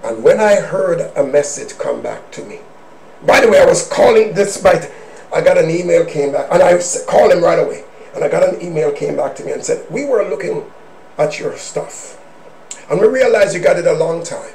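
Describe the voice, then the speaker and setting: A male minister preaching a personal testimony in a church service, with emphatic swings between hushed asides and shouted declarations. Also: on the high side, lively intonation, normal speed, gravelly, slight background noise. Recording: roomy echo.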